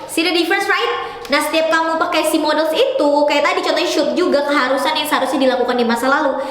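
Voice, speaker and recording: A woman teaching English grammar on a live stream. She talks fast, switches between Indonesian and English, and calls her viewers by pet names. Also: high-pitched, steady tone, a bit bright, very echoey, in a large hall. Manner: calls viewers "sayang" affectionately.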